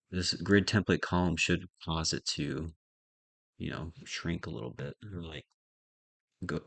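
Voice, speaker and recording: A man with a very low, gravelly voice talks through a coding tutorial as he types. He thinks aloud and mutters to himself. The sound is dry and close, with no room around it. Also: no room sound. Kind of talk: casual live coding narration.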